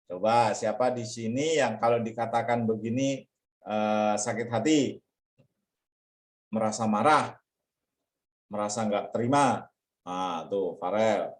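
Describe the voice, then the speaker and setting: A man teaching a children's church lesson in an animated way, acting out taunts in a high put-on voice. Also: slow pace, long pauses, echoey room. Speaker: Sunday school teacher.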